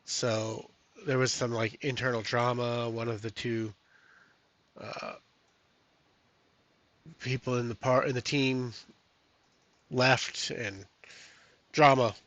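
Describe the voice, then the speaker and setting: A man's voice: medium pitch, flat delivery, slow, pauses often, fairly bright tone, dry recording. A man streaming a solo tabletop game, reading rules and chatting casually to viewers, thinking aloud with many fillers. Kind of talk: casual live-stream chat.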